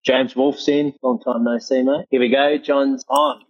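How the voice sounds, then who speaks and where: A man's voice: mid-range voice, flat delivery, measured pace, slightly rough, highs cut off. A man hosting an interview, friendly and asking short prompting questions. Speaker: podcast host. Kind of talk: casual interview.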